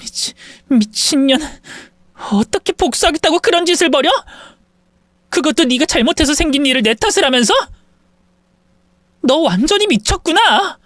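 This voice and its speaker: A woman's voice: high-pitched, lively intonation, moderate pace, long pauses, no echo. A woman playing a furious, betrayed young wife. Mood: enraged. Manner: sharp, accusing, harsh insults. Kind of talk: acted phone quarrel in a story video.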